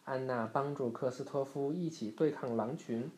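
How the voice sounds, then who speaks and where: A man reading a bedtime story aloud to a child in a gentle, steady narrating voice. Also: mid-range voice, moderate pace. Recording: roomy echo.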